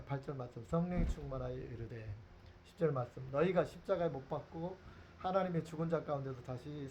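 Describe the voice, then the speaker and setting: A male pastor delivering a lively storytelling sermon, his voice sitting a little high for a man. He acts out the scene and keeps asking the congregation questions. A faint hiss of background noise hangs under the recording.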